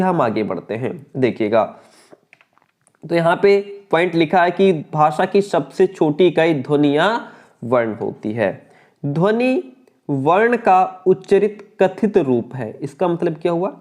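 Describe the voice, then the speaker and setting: A man's voice: fairly high pitch, darkish tone. A male teacher giving an exam-prep grammar lesson. He keeps asking his students questions, answers them himself and repeats each key point.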